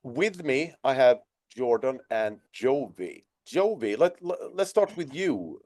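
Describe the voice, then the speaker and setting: Relaxed man hosting a webinar. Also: mid-range voice, slow. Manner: relaxed, self-deprecating, chatty. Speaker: webinar host. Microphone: video call.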